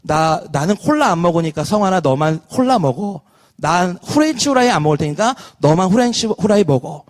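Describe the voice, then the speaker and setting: Man quoting a soft, self-giving mother, high voice. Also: sing-song, fairly quick. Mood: gentle. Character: gentle self-denying mother of a poor family.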